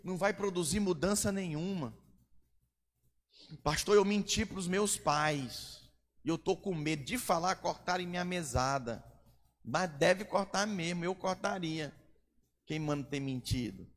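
A man with a Brazilian Portuguese accent preaches a sermon, his voice sitting a little high for a man. He tells his story with animated delivery and acts out the characters' lines. The sound carries the long reverb of a church hall. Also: unhurried. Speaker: pastor.

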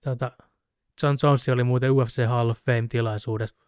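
A man casually chatting on a podcast, telling a story with animated retellings. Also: mid-range voice, clear, resonant tone, dry recording, studio quality. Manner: animated storyteller, mimics shouting with laughs. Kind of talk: casual chat about fighting sports.

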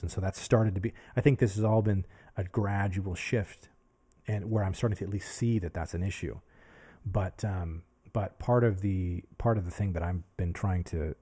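Rambling, mellow-voiced man in his thirties. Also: on the low side, breathy edge. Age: 30s. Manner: rambling, self-searching, many restarts and fillers. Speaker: podcast host. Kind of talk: casual reflective monologue to camera. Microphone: talking to a camera.

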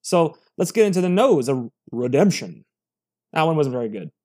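A man's voice: fairly high pitch, very animated, fast, darkish tone. A man giving a casual, rambling spoken review, chatty and full of restarts. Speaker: bourbon reviewer.

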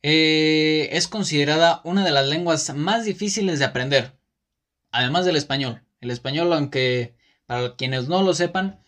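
A man's voice: a little high, fairly bright tone. A man with a Mexican Spanish accent talks through a casual podcast monologue. He rambles along, often stopping to correct himself and filling the gaps with "eh" and "pues". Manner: rambling, self-correcting with many fillers. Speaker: podcast host.

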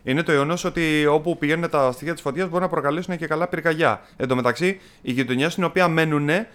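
A man's voice: on the high side, a bit bright, clear, resonant tone. A man in casual chat, telling a film's story in a rambling, jokey way with many fillers.

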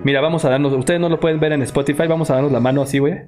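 A man's voice: on the high side, steady tone, very fast, over music. A man, co-hosting a podcast and joking around in heavy slang. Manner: joking, slangy, says güey a lot. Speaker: podcast co-host. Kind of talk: casual podcast chat.

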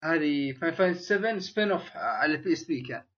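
A man's voice: fairly high pitch, animated, racing, a bit bright. A man chatting casually as a podcast host, rambling and restarting his sentences. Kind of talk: casual chat. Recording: dull lo-fi sound.

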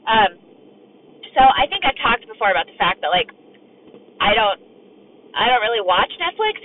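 Hoarse, raspy woman on a thin recording. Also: medium pitch. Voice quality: raspy, strained. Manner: candid, colloquial, mildly sweary. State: hoarse and sick, voice nearly gone. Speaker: podcast host and fitness coach. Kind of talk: casual solo podcast chat. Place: inside a car on a dirt road. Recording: thin phone-like sound with road noise. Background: faint car and road noise.

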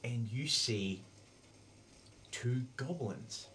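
A man's voice: mid-range voice, lively intonation, drawn-out words, sharp tone, a little hiss or hum. A man running a tabletop game as game master, narrating in a loose, rambling way full of fillers. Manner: rambling, filler-heavy, profane.

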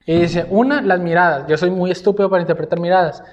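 A man's voice: high-pitched, steady tone, quick pace, lo-fi sound. A young Mexican man co-hosting a podcast, chatting casually in heavy slang. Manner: slangy, chatty, says güey a lot. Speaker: podcast co-host. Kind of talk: casual chat.

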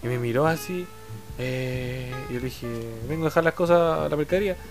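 A man's voice: fairly high pitch, rapid-fire, music in the background. A man in his twenties with a Chilean Spanish accent, casually telling a story and acting out the other people's voices. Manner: animated, acts out other voices and sounds.

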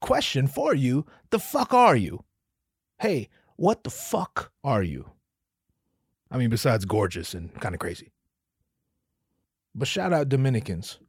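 This Pacific Northwest comedy podcaster works solo, his medium-pitched voice a little mellow and husky. He rambles and curses, breaking into his own sentences often. There's no room sound; the studio audio is clean.

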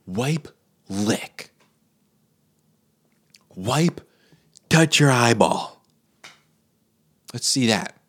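A man's voice: medium pitch, fairly bright tone, breathy edge. A man ranting comically about an advertisement, incredulous and riffing with lots of fillers. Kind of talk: comedic rant.

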